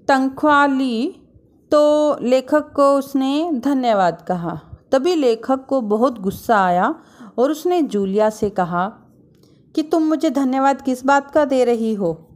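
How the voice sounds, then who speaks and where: Woman, teacher, slow careful delivery, story reading, acts out lines then explains. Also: sits high, darkish tone. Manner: reads dialogue with feeling, then retells it in simple words. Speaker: school teacher. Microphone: online class recording.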